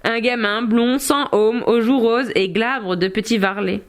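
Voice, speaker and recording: Narratrice au ton expressif et posé. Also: female voice, on the high side. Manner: measured, expressive storytelling. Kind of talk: audiobook narration of a medieval tale.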